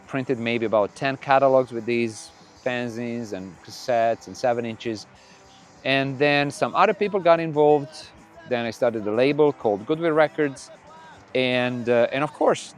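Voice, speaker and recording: A middle-aged man from Croatia, whose first language is Croatian, hosts a podcast in a room full of records. He talks in a relaxed, rambling way, restarting his sentences, at an ordinary middle pitch. Faint music plays behind him. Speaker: podcast host and record label owner. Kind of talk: casual monologue.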